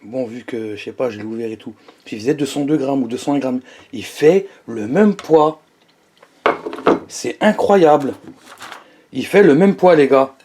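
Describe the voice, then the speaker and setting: A young man chatting casually to his viewers in a fast-food review vlog, slangy and playful. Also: medium pitch, a little mellow.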